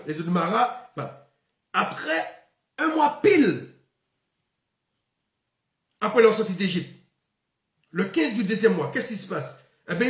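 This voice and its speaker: A man's voice: sits high, roomy sound. A man giving a spoken Bible lesson, stopping often with fillers and repeated words. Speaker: Bible teacher.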